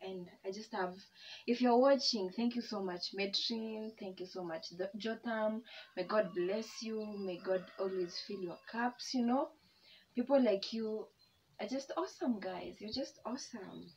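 A woman's voice: mid-range voice, a little slow, a little mellow. Chatty young Kenyan woman vlogging. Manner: chatty, code-switching, emotional and grateful. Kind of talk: casual chat while eating. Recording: distant mic, dull sound, faint background hum.

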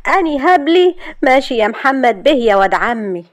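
Woman reading as a feisty young bride, mocking retorts, high-pitched, dry recording. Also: sing-song, a little fast, no room sound. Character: feisty young Upper Egyptian bride, sharp-tongued. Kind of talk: storytelling.

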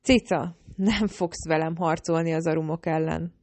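Egy nő, aki egy hangoskönyvben egy védelmező, parancsolgató, hirtelen haragú fiatal férfit szólaltat meg. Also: female voice, deep voice, fairly even intonation, a little mellow, no room sound. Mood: dismissive. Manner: commanding, exasperated. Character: protective, bossy young man, quick to anger.

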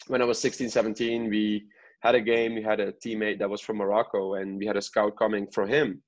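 A professional soccer player from Belgium, in his twenties, answers questions as a podcast guest, often hedging with "you know" and "I think." His fairly low voice moves little in pitch and runs a little fast. The room is echoey and the sound dull and lo-fi.

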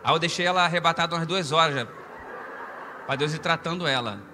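Brazilian pastor, high bright voice, animated storyteller, long church reverb, soft music behind. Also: male voice, fast talker, slight background noise. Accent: Brazilian Portuguese. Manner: animated storyteller, rising to loud preaching. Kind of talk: humorous storytelling sermon. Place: church hall.

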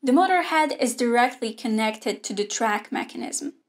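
A young woman presenting a scripted online robotics lesson in a studio, explaining clearly and steadily. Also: on the high side, animated. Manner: clear, measured explaining with hand gestures. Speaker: robotics teacher. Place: indoor studio with a grey backdrop.

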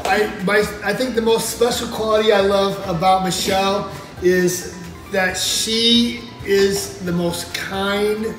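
A man's voice: high-pitched, slow pace. A man in his forties answering fan questions on his vlog in a playful, joking way while seated at a table indoors. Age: 40s. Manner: jokey, playful, expressive hand gestures. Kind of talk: casual Q&A chat. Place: small indoor room at a table. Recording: echoey room, distant mic, music behind.

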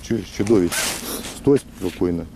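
A police officer, curt and gruff, telling people not to shout. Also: male voice, low voice, moderate pace, noisy background. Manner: gruff, curt, demanding respect. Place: outdoors on a street. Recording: distant street recording.

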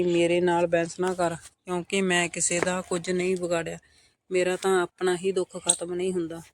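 A man tells a family drama in the first person, speaking every character's lines in his own voice. He sits high in pitch and stays level and even throughout, with an earnest, measured delivery. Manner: steady, earnest retelling of family drama, voicing all quotes. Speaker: storyteller. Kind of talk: scripted first-person story narration.

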